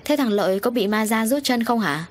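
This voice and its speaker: A woman's voice: a little high, animated, brisk, slight background noise, lightly acted. A woman voicing a worried middle-aged wife and mother, fretful and complaining, in an audio story.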